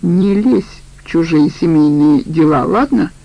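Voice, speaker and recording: A woman's voice: on the low side, lively intonation, a little slow, creaky, no room sound, lo-fi sound, full character voice. A woman voicing a curt, guarded male criminal in a storybook reading. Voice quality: curt, brusque.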